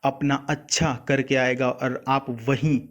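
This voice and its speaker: A man's voice: medium pitch, level tone, measured pace. Patient male exam tutor. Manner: patient, explanatory, addresses dear students, repeats meanings. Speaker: exam prep teacher. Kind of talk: vocabulary lesson explaining word meanings.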